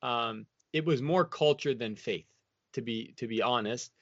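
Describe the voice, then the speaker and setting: An American man with a mid-range, slightly bright voice speaks at a measured pace, without echo. As an interview guest he muses casually in a loose, meandering style heavy on "you know" and "like." The recording is lo-fi, dull and dry.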